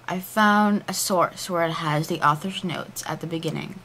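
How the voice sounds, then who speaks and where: Female reader, lower-pitched, mock-serious and theatrical, for amateur dramatic fiction. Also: gravelly, fairly bright tone, a little hiss or hum, low-quality recording. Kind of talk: dramatic reading of fan fiction.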